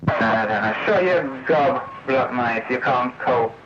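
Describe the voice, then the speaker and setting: Taking it slowly, with lively intonation at a medium pitch, an enraged English man rants on CB radio, confrontational, repetitive and swearing often. The vintage CB recording comes through noisy and muffled.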